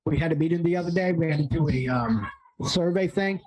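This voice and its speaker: Excitable man rambling over a watch-along. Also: fairly high pitch, a little fast, a crowd in the background, poor audio. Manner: excitable, rambling, stumbles and self-corrects. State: amped on coffee. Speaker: stream host. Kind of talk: casual watch-along chat.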